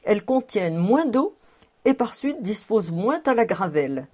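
A woman's voice: medium pitch, sing-song, normal speed, dark tone, husky. A woman reading the part of a pedantic male professor in a storybook, in a lecturing, matter-of-fact way.

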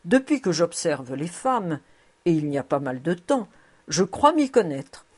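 A woman's voice: on the low side, big pitch swings, unhurried, husky, exaggerated voice. A woman voicing a shrewd, kindly old male rabbi who speaks in a fond, knowing way and pleads for others. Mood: assured.

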